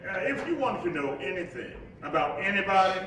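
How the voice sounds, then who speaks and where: An actor playing a dignified leader looking back on his youth in a staged reading, speaking in a measured, deliberate way. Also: big pitch swings, sharp tone, heavily acted. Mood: reminiscing. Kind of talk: stage monologue in a play reading. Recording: echoey hall from far off, faint rumble.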